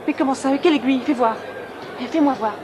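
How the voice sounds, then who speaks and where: A woman's voice: mid-range voice, brisk, crowd noise, background noise, close to an everyday voice. A woman dubbing a caring woman doctor in a French film, protective and full of questions. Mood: alarmed. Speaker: hospital doctor.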